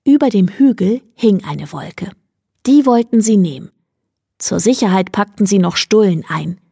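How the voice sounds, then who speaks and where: A woman reading a bedtime story aloud in a slow, calm way, close to the microphone. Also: mid-range voice, gravelly, breathy edge, no echo. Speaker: narrator.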